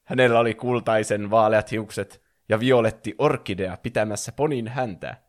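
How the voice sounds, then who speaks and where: A man reading a fan fiction story aloud in a playful way, acting out the characters. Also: on the low side.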